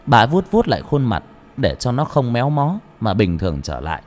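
A man narrating a ghost story in an expressive storytelling manner. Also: medium pitch, moderate pace. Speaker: audiobook narrator. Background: faint background music.

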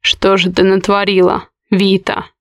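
A woman reading the lines of a brooding, harsh young man in an audiobook, in a low, curt, growling voice. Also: monotone, measured pace, fairly bright tone, clear, resonant tone, no echo. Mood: heavy.

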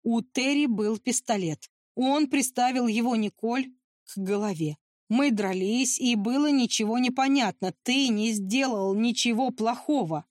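Woman reading a calm soothing man. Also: a little high, dry recording, clean studio sound, lightly acted. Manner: soothing, measured.

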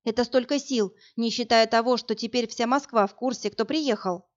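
A woman's voice: fairly high pitch, moderate pace, lo-fi sound, voice pushed up, natural voice. A woman voicing a young witch girl who speaks in a snappy, teasing way. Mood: eager, snappy. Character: young witch girl, sharp-tongued, excitable.

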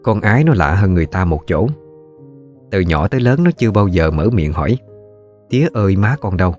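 A man with a Southern Vietnamese accent narrating a ghost story in a steady, folksy way. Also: sits low, brisk, soft background music.

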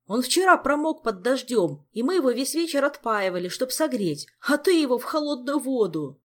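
A man's voice: very high voice, sing-song, normal speed, fairly bright tone, voice pushed up, heavily acted. A man reading an audiobook, voicing a frightened, fussy young man who cries out in alarm. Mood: pleading.

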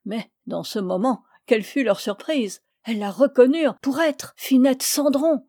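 A woman reading an old fairy tale aloud in a clear, measured storytelling manner. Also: on the high side, warm tone, no room sound, studio quality. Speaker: reader of fairy tales.

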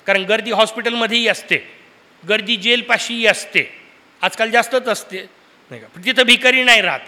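A man giving a devotional discourse, telling stories and asking the audience questions. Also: extremely high pitch. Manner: lively storytelling with rhetorical questions to the audience. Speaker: preacher. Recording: long hall reverb.

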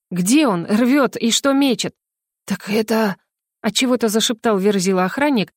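A woman reading a first-person fantasy audiobook in a lively, expressive manner. Her voice sits at a middling pitch and is recorded close and dry, with no room sound. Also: no room sound. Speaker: audiobook narrator.

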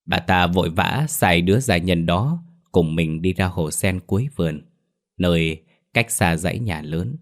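Very low-voiced man narrating a ghost story. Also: a little slow. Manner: voices every character himself.

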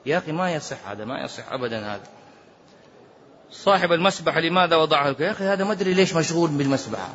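A man with a high-pitched voice delivers a religious lecture, pressing his points with colloquial rhetorical questions and repeated words. He chants quoted sayings in a slow sing-song and drops into quiet muttered asides. The recording sounds dull and lo-fi. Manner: animated, swings from loud emphasis to low muttering asides. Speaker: Islamic scholar giving fatwas.

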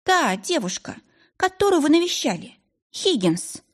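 A woman's voice: high voice, very animated, unhurried, voice pushed up. Woman playing a grumbling stern old maid. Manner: grumbling, blunt.

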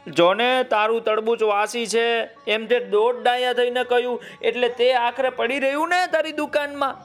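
A man doing a sly, smooth-talking shopkeeper. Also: extremely high pitch, moderate pace, faint music behind, pitched above the performer's own voice. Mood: scolding. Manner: coaxing, flattering, scolding.

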